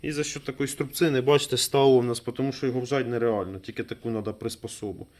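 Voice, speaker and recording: A man's voice: medium pitch, fairly even intonation, quick pace, darkish tone. Man, DIY mechanic vlogger, casual and unscripted, muttering through a repair in a workshop, friendly asides to viewers. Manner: thinks aloud while working, trailing off and restarting. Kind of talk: casual hands-on repair commentary.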